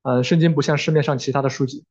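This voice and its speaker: Fast-talking male sermon interpreter. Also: mid-range voice, fairly even intonation, darkish tone, highs cut off. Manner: quick, with fillers and self-corrections.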